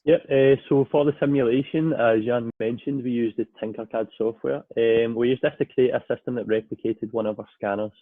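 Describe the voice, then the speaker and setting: A man's voice: mid-range voice, fairly even intonation, a little fast, few pauses, no room sound. A male student from Scotland methodically explaining a technical simulation in a project presentation. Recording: tinny phone-like dry audio.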